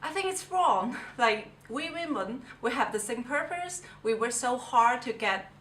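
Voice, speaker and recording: A woman from China speaking earnestly in a documentary interview, halting now and then with fillers. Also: on the high side, expressive, fairly bright tone. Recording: echoey room, distant mic, music bed.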